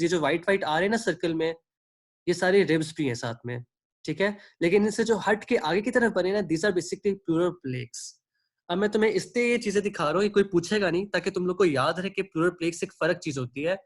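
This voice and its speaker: A man teaching an online medical class, explaining at length and checking in often with his students. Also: high voice. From Pakistan. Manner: explanatory, checks in often with "theek hai", asks students for questions; clears his throat now and then. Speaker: medical lecturer. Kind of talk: online lecture mixing Hindi-Urdu and English.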